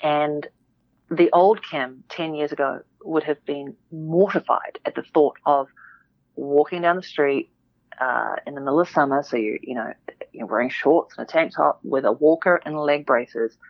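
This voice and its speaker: Low-voiced reflective woman, dull lo-fi sound. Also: moderate pace, no room sound. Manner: reflective, many restarts and fillers. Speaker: podcast guest. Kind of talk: casual interview chat.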